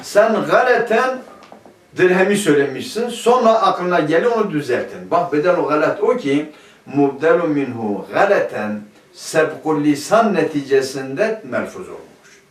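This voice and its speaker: A man's voice: on the high side, big pitch swings, moderate pace. A man teaching a grammar lesson, asking his class questions and answering them himself. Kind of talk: classroom lecture. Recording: echoey room, mic at a distance.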